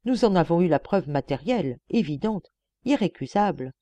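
A woman's voice: on the low side, expressive, moderate pace, dark tone, no echo, close to an everyday voice. A woman voicing a shrewd, earnest young male police detective in a storybook reading, persuasive and emphatic.

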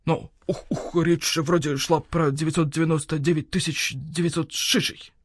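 A woman's voice: low-pitched, steady tone, normal speed, breathy edge, no room sound. Woman doing nervous old owl shopkeeper, hooting stammer, wheezy, dry close sound, storybook voice. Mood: flustered. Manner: stammers hoots into words. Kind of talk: audiobook character voice.

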